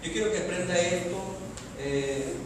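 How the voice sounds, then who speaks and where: A man's voice: sits high, moderate pace, distant mic, background noise. A male pastor from Mexico preaching a sermon, reading scripture aloud and pressing the congregation with emphatic rising questions. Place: church hall. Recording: echoey church hall, heard from afar.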